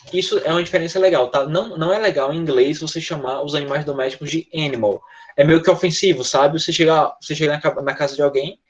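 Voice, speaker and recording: A man's voice: a little high, muffled recording. A man with a Brazilian Portuguese accent teaching English in an online class, patient and repetitive, often checking with his students.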